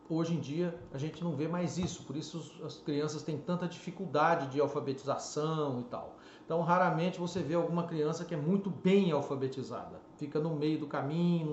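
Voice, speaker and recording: A Brazilian man with a Brazilian Portuguese accent, teaching a casual online lesson, animated and stressing example words, often adding "né?" and "ok?". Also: on the high side, roomy sound, muffled recording, a little hiss or hum. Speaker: English teacher.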